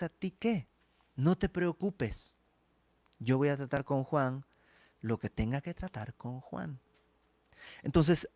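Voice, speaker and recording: A man's voice: on the high side, a little mellow, no room sound. A man teaching a verse-by-verse Bible study in a conversational way, acting out the dialogue of the text.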